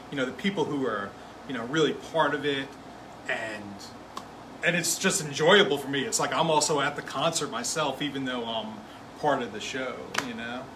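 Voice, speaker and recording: An easygoing man with a middle-pitched voice hosts a relaxed live Q&A, agreeing readily and nudging the talk along with questions. A steady air-conditioning hum is clearly audible behind him. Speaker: band member hosting the Q&A.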